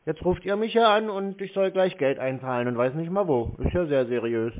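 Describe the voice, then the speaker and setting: Fairly high in pitch and fairly quick, this scambaiter's voice drips with sarcasm as he needles a scammer. The recording has the tinny, narrow quality of a phone line.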